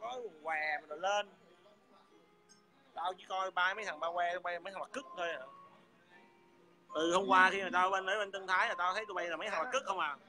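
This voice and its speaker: A man's voice: sits high, fairly even intonation, brisk, long pauses, music in the background. A man hurling crude, taunting insults in a heated livestream rant. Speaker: livestream speaker.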